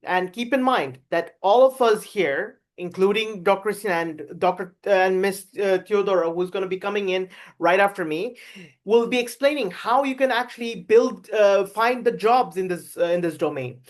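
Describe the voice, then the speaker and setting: A woman hosts a career webinar over a video call. Her voice is mid-pitched, and she speaks in halting restarts. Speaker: webinar host. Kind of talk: webinar presentation.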